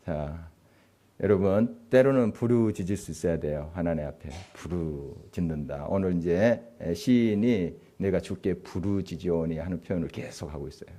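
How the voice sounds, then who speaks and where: A man's voice: low voice, expressive, moderate pace, mellow. A male pastor giving a conversational sermon, asking the congregation questions and chuckling as he speaks. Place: church sanctuary.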